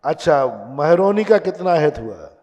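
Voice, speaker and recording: A man delivers a sermon at a very unhurried pace, pressing his points and firing questions at the listeners. His voice sits fairly high for a man. The long reverb of a big hall trails after each phrase. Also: big pitch swings, darkish tone, highs cut off. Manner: slow, emphatic, questioning the audience. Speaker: Jain monk preaching.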